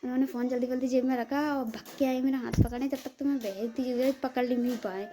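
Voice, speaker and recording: A woman's voice: high voice, steady tone, fairly quick, dark tone. A woman from northern India telling a rambling story to her viewers in a casual vlog, often calling them friends. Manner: chatty, rambling, keeps saying "friends" to viewers. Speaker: vlogger.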